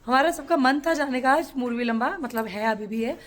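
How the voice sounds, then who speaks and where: A vlogger chats to her phone camera at home for a daily family vlog, ribbing her family along the way. Her voice is high-pitched and her pace moderate, and the talk is casual vlog chatter.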